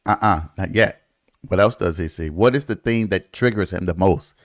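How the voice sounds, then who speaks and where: A man's voice: deep voice, moderate pace, dry recording, studio quality. A man hosting a casual true-crime podcast, blunt and opinionated, acting out quotes in his speech. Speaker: podcast host.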